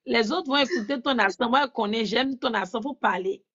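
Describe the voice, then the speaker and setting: A woman speaking at a church women's gathering, giving an animated testimony that acts out quoted dialogue and puts questions straight to the audience. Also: on the high side, a little fast, breathy edge, muffled recording.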